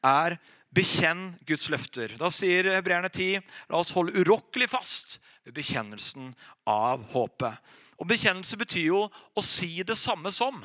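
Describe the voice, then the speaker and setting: A man's voice: high voice, expressive, sharp tone, no echo, studio quality. A middle-aged man, preaching a sermon in an earnest, emphatic way and quoting scripture.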